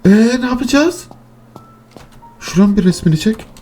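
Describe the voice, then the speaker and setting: A man's voice: high-pitched, expressive, moderate pace, darkish tone, soft background music. A man hosting a horror game let's play, talking to his viewers, muttering nervously and swearing and shrieking when startled. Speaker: gaming channel host.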